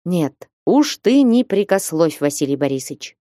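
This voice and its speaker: A woman's voice: lowish voice, big pitch swings, moderate pace, warm tone, no room sound, clean studio sound. A woman doing a coaxing older godfather. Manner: coaxing, insistent. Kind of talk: audiobook reading.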